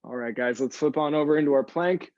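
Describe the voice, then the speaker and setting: On a dry, dull recording, a man with a somewhat high, darkish voice talks a little fast while leading a live workout class. He cues the moves and encourages everyone with repeated bits of short praise, his breaths sighing audibly from the exertion.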